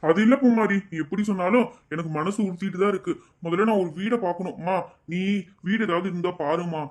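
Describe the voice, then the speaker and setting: A man's voice: sits high, a little fast, close to an everyday voice. A man voicing a responsible young son in a cartoon family drama. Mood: earnest. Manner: soothing, earnest. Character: young working son, mid-twenties, responsible and kind.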